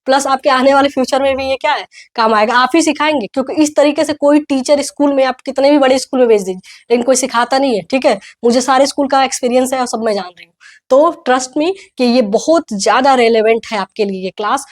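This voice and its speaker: Woman teacher drilling pronunciation. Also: high voice. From India. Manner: repeats each word slowly, drilling pronunciation; coaxing, asks class to repeat. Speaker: English teacher. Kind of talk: spoken English pronunciation lesson.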